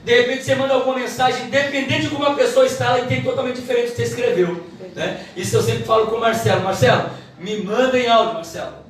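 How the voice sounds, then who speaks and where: A woman giving a church Bible lesson, quick and emphatic in her delivery. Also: on the high side, fairly even intonation. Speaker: Bible teacher. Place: church hall. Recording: echoey hall, mic from far off.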